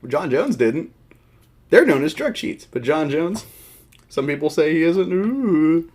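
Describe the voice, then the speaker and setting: A man's voice: on the high side, very animated, a little slow, a little mellow, breathy edge. Rambling, joking male MMA vlogger. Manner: rambling, self-deprecating, joking asides. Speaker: MMA show host. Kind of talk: unscripted casual commentary.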